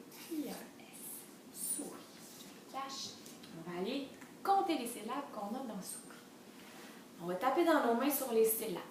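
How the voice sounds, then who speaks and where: A woman reading a picture book aloud to toddlers, with a sing-song storytelling manner and slow, letter-by-letter teaching of syllables. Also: on the high side, noisy background. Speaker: children's librarian reader. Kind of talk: enriched read-aloud for toddlers with phonics teaching. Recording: echoey room, mic at a distance.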